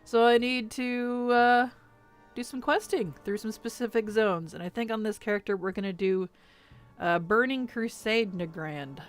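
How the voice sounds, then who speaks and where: A woman chats casually on a live stream, greeting viewers and laughing easily. She often drops to a mutter as she adjusts her settings, and soft music plays faintly behind her. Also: on the high side, moderate pace. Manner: chatty, laughs often, mutters to herself while fixing settings.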